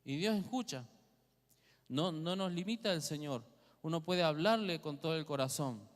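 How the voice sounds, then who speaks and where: A man's voice: on the high side, expressive, moderate pace. A man with an Argentine Spanish accent preaching a teaching sermon in church, asking the congregation questions as he goes. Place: church hall. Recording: long hall reverb.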